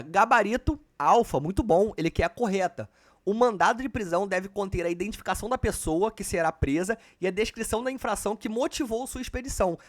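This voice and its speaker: High-voiced, slangy man teaching a live class. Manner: casual, slangy and profane, addresses students as "galera" and "cara". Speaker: exam prep teacher.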